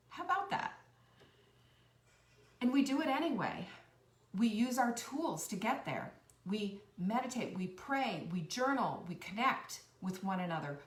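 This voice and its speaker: Earnest motivational woman in an echoey room. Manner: earnest and encouraging, preachy cadence with repeated phrases; animated, swinging between high bursts and soft near-whispers. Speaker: host of a cooking and life-tips channel. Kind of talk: motivational talk to camera. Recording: roomy echo, a bit far from the mic.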